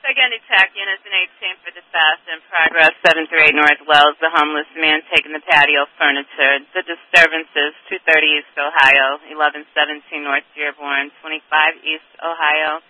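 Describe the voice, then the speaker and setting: A man's voice: fairly high pitch, steady tone, normal speed, hardly any pauses, bright, forceful tone. A man working as a police dispatcher, calling out units and addresses in a clipped, businesslike way over a police radio transmission. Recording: tinny radio band with faint static.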